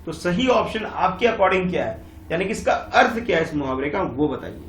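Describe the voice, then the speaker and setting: A man's voice: high-pitched, expressive, moderate pace, a bit bright, slight background noise. A man, a teacher explaining exam questions and asking himself rhetorical questions as he goes. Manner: repeats and asks rhetorical questions. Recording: echoey room.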